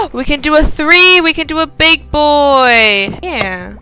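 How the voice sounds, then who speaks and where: High-voiced excitable woman gamer. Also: slow, faint music behind. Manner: excitable, thinking aloud. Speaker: gaming video host. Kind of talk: casual gameplay commentary while building.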